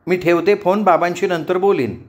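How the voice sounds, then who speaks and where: A man voicing an excitable, loud young woman student living abroad, talking quickly and impatiently. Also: high-pitched, voice pushed up, lightly acted. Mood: excited, impatient.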